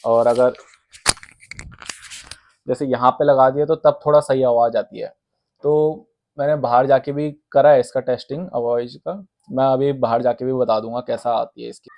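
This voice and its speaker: A man's voice: medium pitch, steady tone, moderate pace, creaky, a little mellow, dry recording. Young man rambling through a mic review. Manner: rambling, repeats himself, mixes English words into Hindi. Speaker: vlogger reviewing a microphone. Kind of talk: casual unboxing vlog. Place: rooftop outdoors and indoors. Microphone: wireless clip-on mic and phone mic.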